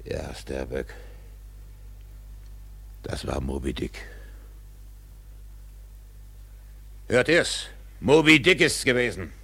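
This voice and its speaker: An actor playing an obsessed, vengeful whaling captain in a German radio drama, with a husky, gravelly voice and a commanding, brooding delivery. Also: male voice, sits low, huge pitch swings, slow, pushed and bright, heavily acted.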